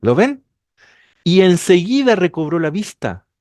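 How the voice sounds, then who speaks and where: A man's voice: high-pitched, big pitch swings, unhurried, darkish tone, dry recording, clean studio sound. A man preaching a sermon, explaining a passage to his congregation and rising to emphatic peaks.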